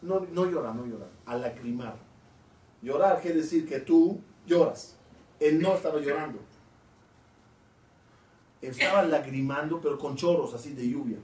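A man's voice: a little high, a little slow, long pauses, darkish tone. A middle-aged man, a rabbi, teaching a Torah class and quizzing his students with questions as he goes. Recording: echoey room, mic at a distance, faint hiss.

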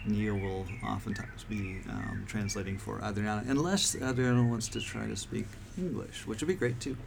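A man's voice: on the low side, normal speed, creaky. A man hosting a podcast in casual chat on an outdoor deck, hesitant with many fillers and restarts. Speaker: podcast host. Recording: background noise outdoors.

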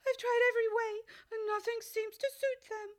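A woman's voice: extremely high pitch, fairly even intonation, normal speed, dry recording, voice pushed up. A woman voicing an indignant mother pigeon guarding her eggs, accusing and sulky in a storybook reading. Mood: shrill, indignant.

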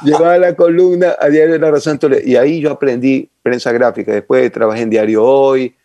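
An older man, telling long animated stories as an interview guest. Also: medium pitch, brisk, no echo, lo-fi sound. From Ecuador. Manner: animated, rambling reminiscence with sound effects. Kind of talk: casual storytelling interview.

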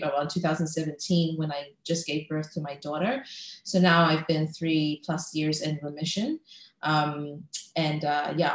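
A woman in her thirties, heavily pregnant, speaks as a guest in a casual video-call talk; she is from Malaysia and grew up in New Zealand. Her voice is low and her manner chatty, with frequent ums and restarts, and the audio is poor and reverberant.

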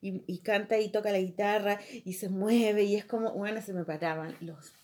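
A young woman with a Chilean accent, hosting a podcast and telling an animated story full of voices and laughter. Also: mid-range voice, moderate pace. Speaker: podcast host. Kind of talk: casual chat.

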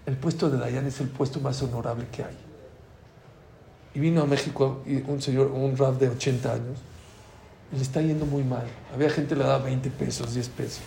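A man giving a religious lesson as a Torah teacher, acting out dialogues and swinging between loud and hushed. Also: medium pitch, fairly even intonation, a little fast, creaky, a little hiss or hum. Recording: echoey room.

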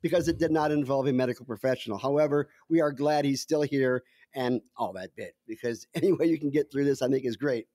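A man's voice: mid-range voice, fast talker, hardly any pauses, warm tone, dry recording, studio quality. A man co-hosting a podcast as a scientist, wry and explanatory in casual chat over a video call. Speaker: scientist co-host.

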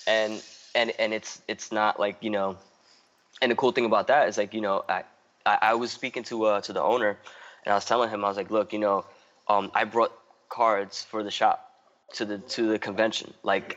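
A man talking as a podcast guest in a relaxed, loose ramble. His voice sits a bit low. He leans on "like" constantly, restarts his sentences and swears casually. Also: fairly quick, muffled recording. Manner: rambling, heavy use of "like" and restarts. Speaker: guest artist.

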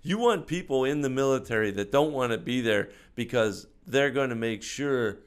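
Speaking at normal speed with lively intonation, this older American film maker is a guest in a casual interview about films and politics. He muses aloud about his views, somewhat hesitantly. His medium-pitched voice sounds clear and resonant.

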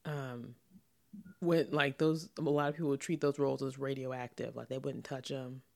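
Gravelly mid-pitched co-host, emphatic. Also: steady tone, normal speed, darkish tone. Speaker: podcast co-host. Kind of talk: casual conversation.

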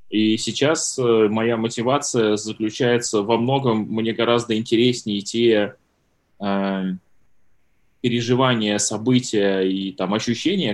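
A man in his thirties hosting an interview, talking in a rambling, self-deprecating way with many fillers and restarts. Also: medium pitch. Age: 30s. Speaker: podcast host. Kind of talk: casual interview chat.

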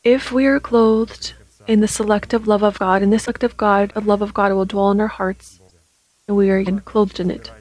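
Woman doing a church prayer and sermon, pretty flat pitch, solemn and measured, reverent. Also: no room sound, rough recording.

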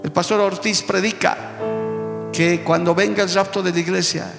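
A man's voice: high voice, little pitch movement, normal speed, vocal fry. A male pastor with a Bolivian Spanish accent preaching a fervent sermon, often calling listeners brother. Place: church hall. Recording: echoey church hall with long reverb. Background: music.

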